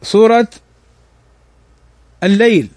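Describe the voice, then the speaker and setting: A man teaching Quranic recitation rules, reciting verses slowly and melodically, then explaining quickly. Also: high-pitched, a little mellow, no room sound, studio quality. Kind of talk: tajweed lesson with slow recitation.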